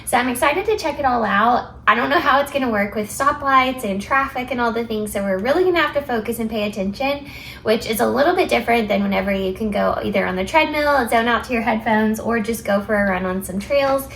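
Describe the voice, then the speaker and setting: A woman's voice: on the high side, a little fast, a bit bright, a little hiss or hum. A woman hosting a vlog, talking in a casual, conversational style. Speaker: vlog host. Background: music.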